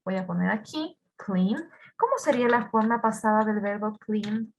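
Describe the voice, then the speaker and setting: A woman's voice: medium pitch, lively intonation, normal speed, highs cut off. A woman teaching an English grammar lesson, patiently repeating words and quizzing her students.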